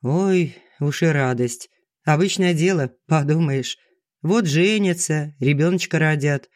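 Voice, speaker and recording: A man reading an audiobook, voicing a grumbling, sharp-tongued middle-aged village woman who teases her friend. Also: fairly high pitch, measured pace, no echo, clean studio sound, close to an everyday voice. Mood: scoffing. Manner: gruff and teasing. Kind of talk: audiobook dialogue.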